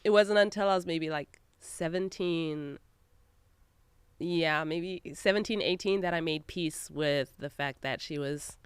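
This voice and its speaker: Her voice is low and smooth, with a measured pace and no echo. This young Zimbabwean magazine editor appears as a guest in a relaxed interview, sharing stories in a lighthearted way with frequent laughter.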